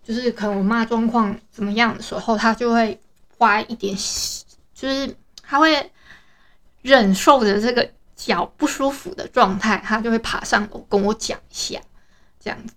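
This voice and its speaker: A woman's voice: fairly high pitch, a bit bright. A young woman with a Taiwanese Mandarin accent chatting casually in a rambling diary style, with many restarts and fillers. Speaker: podcast host.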